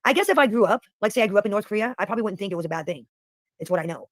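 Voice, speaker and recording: Fast-talking profane American man ranting. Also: high voice, lively intonation, a bit bright, no echo. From United States. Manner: rambling, profane, opinionated. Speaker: livestream host. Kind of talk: casual political rant on a livestream.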